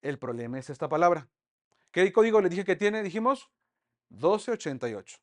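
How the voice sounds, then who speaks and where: A man teaching an online Bible study lesson, lively and full of rhetorical questions to the group. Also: high-pitched, a little fast.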